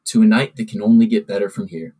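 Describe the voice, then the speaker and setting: A man's voice: fairly low pitch, little pitch movement, fast, dark tone, slightly rough, low-quality recording. A man voicing a poised young princess who speaks in a prim, formal way. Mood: gracious. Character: elegant princess, young woman, cool and formal.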